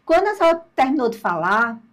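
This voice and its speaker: An older woman, a podcast guest telling her story in a lively way and acting out the dialogue. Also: sits high, fast talker. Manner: lively storyteller, acts out dialogue, laughs at herself.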